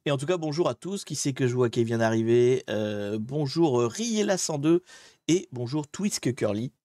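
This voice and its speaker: Male live-stream host, mid-pitched, casual and self-mocking, close dry mic. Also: lively intonation, normal speed, mellow, no echo. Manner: chatty, thinks aloud, greets viewers in chat; laid-back and self-mocking. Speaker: livestream host.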